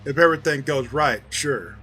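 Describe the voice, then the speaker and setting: A man's voice: mid-range voice, normal speed, bright, forceful tone, soft background music, natural voice. A man voicing a skeptical, hesitant male security agent in a dramatized audio log. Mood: doubtful.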